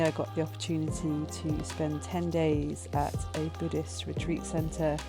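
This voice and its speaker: Calm, flat-voiced meditation guide. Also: medium pitch. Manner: slow, calm, gentle instructions. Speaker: meditation teacher.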